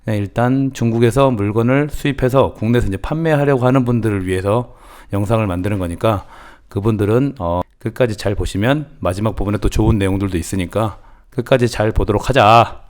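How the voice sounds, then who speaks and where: A man's voice: fairly low pitch, brisk, a little mellow. Folksy middle-aged man explaining importing. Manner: folksy, calls himself grandma, banmal to viewers. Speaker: channel host teaching importing. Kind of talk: casual instructional talk.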